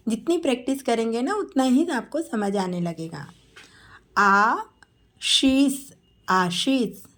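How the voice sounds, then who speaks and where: A woman teaching a spelling lesson, dictating names slowly syllable by syllable and explaining each letter. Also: on the high side, animated.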